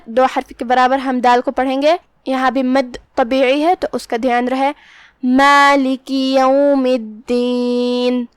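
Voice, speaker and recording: A woman gives a recitation lesson, explaining each pronunciation rule in a careful, measured way. Her voice is high. The sound is dry and close, with no room echo. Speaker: Quran recitation teacher.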